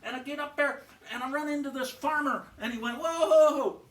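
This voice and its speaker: Speaking fast in an extremely high, sharp and steady voice, this male comedian tells a long, folksy joke that wanders and keeps restarting, padded with fillers. The sound is roomy, with a distant mic and faint ambience.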